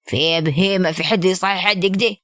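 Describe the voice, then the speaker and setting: A woman with an Upper Egyptian accent voicing a domineering young husband who talks in a gruff, insulting, bossy way. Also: on the low side, quick pace, a bit bright, no room sound, natural voice. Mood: contemptuous. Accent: Upper Egyptian Arabic.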